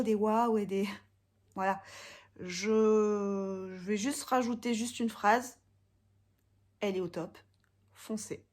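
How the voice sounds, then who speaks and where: A young woman from France talks straight to camera, reviewing makeup in a relaxed vlog. She is chatty and a little hesitant, filling her thoughts with pauses and fillers as she weighs each product. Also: mid-range voice. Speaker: beauty vlogger.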